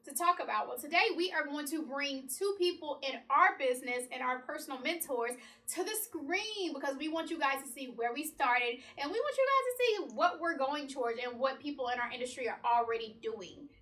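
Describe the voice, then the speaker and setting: A young woman co-hosting a casual chat, bubbly and animated. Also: sits high, brisk, few pauses. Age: young adult. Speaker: co-host.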